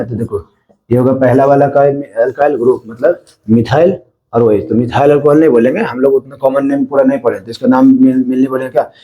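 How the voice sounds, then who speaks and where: Mellow-voiced Indian man teaching chemistry. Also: medium pitch, low-quality recording. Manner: explains step by step, often checking "है ना?". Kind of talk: classroom-style lecture.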